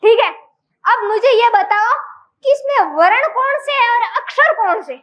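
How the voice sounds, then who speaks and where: A woman's voice: very high voice, lively intonation, unhurried, fairly bright tone. A woman teacher with a Rajasthani Hindi accent, giving a classroom lecture and quizzing her class with question after question.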